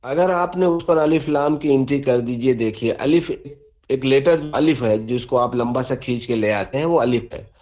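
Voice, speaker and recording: A man's voice: medium pitch, normal speed. A man teaching Arabic grammar, patiently repeating examples and checking that students follow. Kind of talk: classroom explanation. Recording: dull lo-fi audio.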